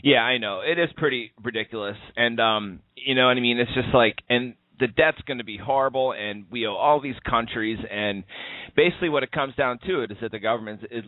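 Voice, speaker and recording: A man's voice: medium pitch, fairly quick, no room sound. Rambling man on a tinny call. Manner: rambling, many fillers and restarts. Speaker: podcast host. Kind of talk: casual chat. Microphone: internet call over wireless. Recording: tinny Skype call audio.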